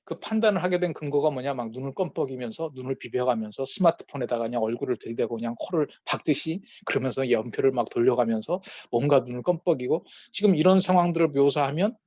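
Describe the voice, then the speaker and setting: A man's voice: mid-range voice, quick pace, few pauses, a little mellow, no room sound. Man, lecturer, conversational, fillers, acted example dialogues, dry sound. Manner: conversational, many fillers, acts out quoted quarrels. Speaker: peacemaking course lecturer.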